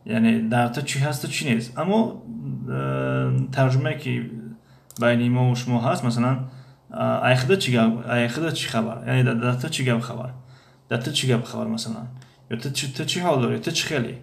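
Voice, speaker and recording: A man teaching a language lesson from a textbook, explaining phrases with many hesitations and slow repetitions. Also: medium pitch, creaky. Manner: hesitant, many pauses and fillers, repeats phrases slowly. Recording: echoey room.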